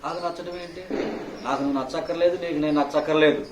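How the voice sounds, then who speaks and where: Male pastor, sermon; rapid, rather high voice, hammering rhetorical questions, loud then hushed; echoey church hall. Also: fairly even intonation, recorded from a distance. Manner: scolding, firing rhetorical questions at listeners; swings between loud outbursts and hushed low phrases. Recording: echoey hall, faint room noise.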